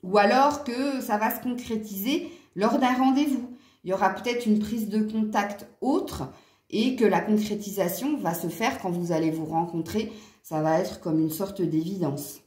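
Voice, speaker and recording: A woman's voice: medium pitch, moderate pace, darkish tone. A woman giving a casual tarot reading to her viewers, chatty and hesitant with many fillers, sounding tired. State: tired from poor sleep. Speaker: tarot card reader. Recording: echoey room.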